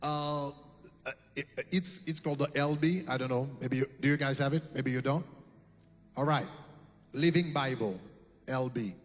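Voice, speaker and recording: A man preaching a sermon, leading his congregation through a slow, deliberate reading while an interpreter translates his lines. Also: mid-range voice. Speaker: bishop preaching. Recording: reverberant hall.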